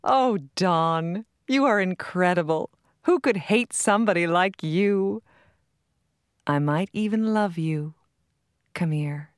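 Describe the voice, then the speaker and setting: A woman reading a story aloud and voicing a guarded young woman who speaks softly and holds herself back. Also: fairly low pitch, slow, dry recording, clean studio sound. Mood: amused. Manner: soft and restrained. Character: guarded young woman softening toward her lover.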